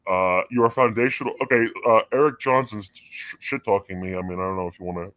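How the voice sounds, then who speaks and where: A man in his forties calling in to a talk show through a voice changer that pitches his voice deep. He rambles and halts with many fillers and swears freely. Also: fast talker, fairly bright tone, no room sound. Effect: deep pitch-shifted voice changer. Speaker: caller. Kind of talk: casual call-in chat.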